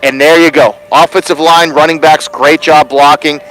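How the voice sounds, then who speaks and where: Higher-voiced man calling football. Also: level tone, normal speed, fairly bright tone, slight background noise, low-quality recording. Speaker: football color commentator. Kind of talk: live high school football commentary. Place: outdoors at a football stadium.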